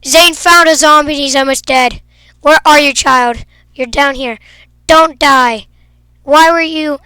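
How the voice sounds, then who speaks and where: A young woman giving playful, goofy gameplay commentary, teasing her teammates and bursting into shouts. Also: high voice, a little slow, no room sound. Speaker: gaming video creator.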